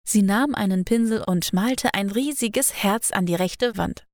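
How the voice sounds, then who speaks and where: A woman narrating an audiobook in an even, storytelling manner on a close mic. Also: medium pitch, measured pace, dry recording. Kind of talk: scripted narration.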